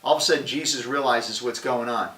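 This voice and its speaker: Male podcast host, bright forceful tone, energetic and conversational preaching, roomy sound off-mic. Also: medium pitch, quick pace, far from the mic. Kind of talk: casual devotional talk.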